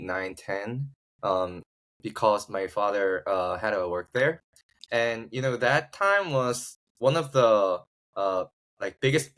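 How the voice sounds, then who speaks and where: His voice is fairly low and a bit bright as this man from South Korea, a startup founder on a podcast, shares his story in a relaxed interview. He has a Korean accent and frequently pauses to find the right words.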